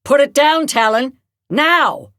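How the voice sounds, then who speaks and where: Audiobook: woman voicing an angry lady cop, commanding, with lively pitch and a dry sound. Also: moderate pace, no echo, lightly acted. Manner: commanding, furious. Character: furious female police officer.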